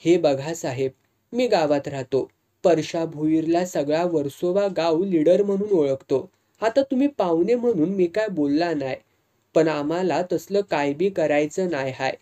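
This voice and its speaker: A narrator voicing a bald, heavyset fisherman father who talks bluntly in rough village speech, reading a serialized novel. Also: a little high, unhurried, mellow, natural voice. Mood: stern. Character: burly bald fisherman father, gruff and domineering.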